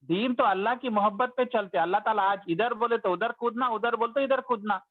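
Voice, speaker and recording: A man with a fairly high voice teaches religion as casual conversation. He tells the story as he goes and now and then acts out the complaints of the people in it. The sound is dry and tinny, like a phone call. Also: a little fast, dry recording. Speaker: Islamic teacher.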